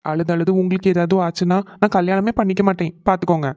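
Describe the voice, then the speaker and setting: A man's voice: high-pitched, steady tone, quick pace, background noise, lightly acted. A man voicing a grown son in a cartoon, earnestly coaxing his mother. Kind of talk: animated cartoon voice acting.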